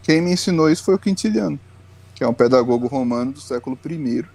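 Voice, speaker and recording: A man in a podcast interview with a warm, mellow tone and a middle-height voice. He explains patiently and methodically, like a teacher walking through a point. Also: medium pitch, animated, quick pace, vocal fry. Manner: patient, lecturing, often tags lines with "né". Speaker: guest educator.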